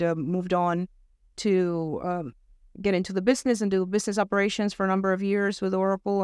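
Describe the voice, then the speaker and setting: A woman's voice: fairly low pitch, darkish tone, smooth, no echo, clean studio sound. A middle-aged woman from Venezuela with an American accent, a podcast guest talking in a casual, upbeat, thoughtful way, often adding "you know" and "right?". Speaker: podcast guest, talent acquisition director. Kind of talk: casual interview chat.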